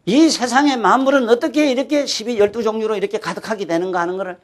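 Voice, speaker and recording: An older man with a Gyeongsang Korean accent lectures an audience in a folksy way. His voice sits high for a man. He keeps turning to his listeners with quick checks and rhetorical questions. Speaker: folk-culture lecturer.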